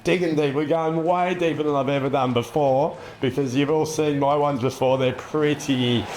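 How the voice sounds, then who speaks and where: A man's voice: a little high, fairly even intonation, moderate pace, darkish tone. A man with an Australian accent talking like a hyped, laddish surfer bro in a casual group review. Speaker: surf shop presenter of a board review. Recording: roomy echo, faint background noise.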